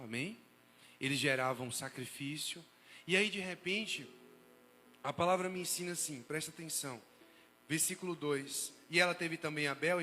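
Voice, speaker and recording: A man pastor with a Brazilian Portuguese accent, preaching a joking sermon that swings from shouts to hushed asides. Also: fairly high pitch, big-room sound, slight background noise.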